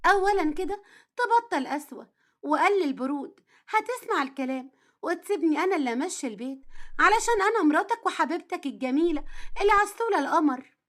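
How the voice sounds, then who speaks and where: A woman voicing a lively, stubborn young wife with an Egyptian accent, teasing and emotional, in a storytelling drama. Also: very high voice, quick pace. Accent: Egyptian Arabic.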